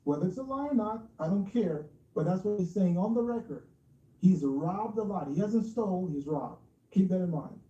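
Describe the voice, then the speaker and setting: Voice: medium pitch, lively intonation, normal speed, dark tone. A smug, sarcastic online host giving a mocking, taunting exposé over clips, full of rhetorical questions. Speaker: online commentary show host. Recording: echoey, dull, distant mic.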